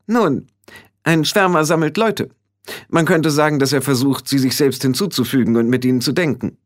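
A man voicing a stern, sharp-tongued old female witch in an audiobook, speaking in firm, clipped commands. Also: a little high, pitched above the performer's own voice, close to an everyday voice. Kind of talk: audiobook reading.

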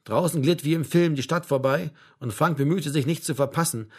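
A man narrating a novel as an audiobook, in a calm, even reading. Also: a little high, brisk, breathy edge. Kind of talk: scripted narration.

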